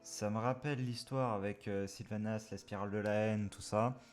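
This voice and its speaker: A male gaming streamer with a fairly low voice reacts in a casual way. He rambles and hesitates, thinking aloud, with faint music underneath. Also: fairly even intonation, normal speed. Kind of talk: casual live reaction commentary.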